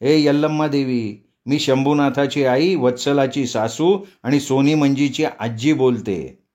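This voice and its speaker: A man voicing an excitable forgetful old granny. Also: mid-range voice, measured pace, lightly acted. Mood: calling out.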